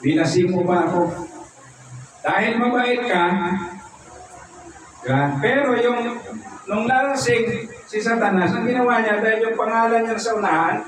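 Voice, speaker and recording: A preacher putting on a sly chummy devil. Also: male voice, high-pitched, moderate pace, long pauses, voice pushed up, lightly acted. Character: sly smooth-talking male devil collecting souls. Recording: echoey room, far mic, noisy.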